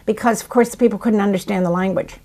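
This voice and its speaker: Gravelly-voiced woman in her seventies. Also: medium pitch, fast. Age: 70s. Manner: animated, theatrical storyteller. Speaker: actress and playwright, guest. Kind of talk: interview conversation.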